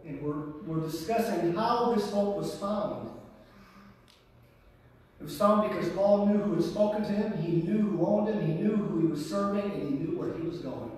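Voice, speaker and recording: A man's voice: high voice, normal speed, a little mellow. A man with an American Midwest accent preaching a sermon as pastor, with rising emphasis and folksy asides. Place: church sanctuary. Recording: echoey hall from far off.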